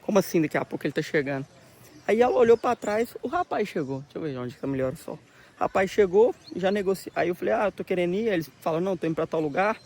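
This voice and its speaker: A Brazilian man telling a travel story in a casual vlog, excited and full of slang, recorded outdoors by the sea on a handheld camera. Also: sits high. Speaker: travel vlogger.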